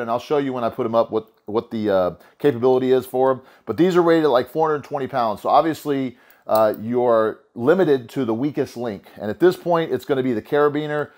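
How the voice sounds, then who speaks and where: A man's voice: mid-range voice, darkish tone. Rambling man explaining his garage gym. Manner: loose, rambling, full of "uh" and restarts. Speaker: home gym lifter explaining a DIY build. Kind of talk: casual how-to explanation. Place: home garage gym, indoors. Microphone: camera a few steps away.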